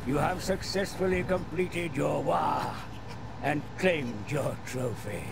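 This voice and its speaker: Creaky, fawning goblin advisor. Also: male voice, a little high, slow. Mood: fawning, proud. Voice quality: creaky, gravelly. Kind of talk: scripted game narration. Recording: game audio under loud background noise.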